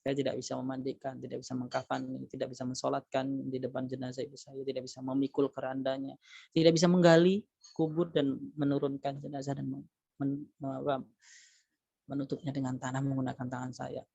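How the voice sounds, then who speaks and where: A man's voice: mid-range voice, completely flat delivery, brisk, gravelly, dark tone, dry recording. A middle-aged man, a lecturer, giving a religious motivational talk to students over a video call, emphatic and preachy, with many rhetorical questions. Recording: dull lo-fi video call audio, dry.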